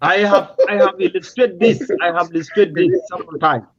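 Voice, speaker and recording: Speaking briskly in a high, slightly bright voice, a South Sudanese-accented man explains his point forcefully and off the cuff during political talk, repeating words frequently. The recording quality is lo-fi and dull.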